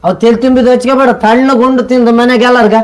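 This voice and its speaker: A man's voice: extremely high pitch, level tone, fast talker. A man acting an elder brother defending himself in an argument. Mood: defensive. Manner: argumentative, explaining.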